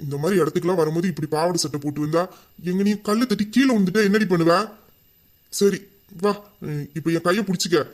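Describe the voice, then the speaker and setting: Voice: mid-range voice, fast, a little mellow, lightly acted. A performer voicing a teasing young man, a bossy boss and doting suitor, in an audio drama. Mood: caring. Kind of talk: Tamil audio drama acting.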